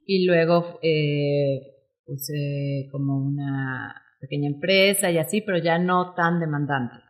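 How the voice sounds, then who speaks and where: A woman in her forties with a Mexican Spanish accent, a guest telling her story in an interview, animated and acting out quoted dialogue. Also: low-pitched, takes it slowly. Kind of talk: emotional personal storytelling interview.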